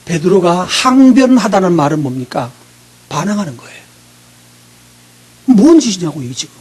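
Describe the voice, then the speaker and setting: A middle-aged male pastor preaching, quizzing his congregation with quick, teasing questions. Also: high-pitched, very animated, a little mellow, husky. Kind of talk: interactive sermon.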